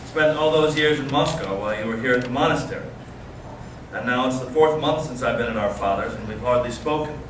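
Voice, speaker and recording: A man with a mid-range, nearly everyday voice performs a readers theater role: a bitter, intense young Russian intellectual brother who is searching and provocative. His delivery is deliberate and earnest, with dramatic pauses and a warm, nostalgic mood. The amateur recording comes from a distant mic in an echoey room, with clear background noise.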